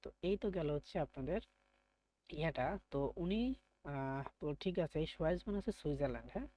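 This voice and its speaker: A man's voice: on the high side, expressive, fast, mellow. A man teaching an online beginner German class, calling on students by name, praising them and patiently explaining pronunciation.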